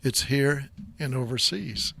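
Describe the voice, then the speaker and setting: A man's voice: medium pitch, takes it slowly, gravelly, pushed and bright, a little hiss or hum. An older man hosting a live talk show, chatting in a rambling, enthusiastic and jokey way.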